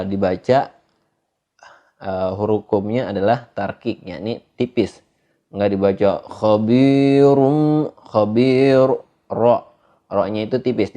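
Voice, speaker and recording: A man's voice: fairly low pitch, dark tone. A man teaching Quran recitation rules, explaining patiently and drawing out each recited example. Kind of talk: tajwid lesson. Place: studio.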